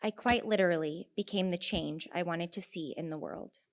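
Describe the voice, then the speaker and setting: Her voice is on the low side and moves at a moderate pace. She's a young woman from Northern California with a California accent, an elementary teacher giving a prepared speech at a conference, earnest and story-driven with the occasional wry aside.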